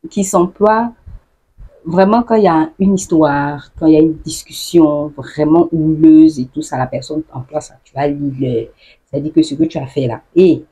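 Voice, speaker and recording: A woman vlogger who laughs often and acts out the phrases she explains in a casual, lively way. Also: on the low side, slightly rough. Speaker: YouTuber explaining local slang.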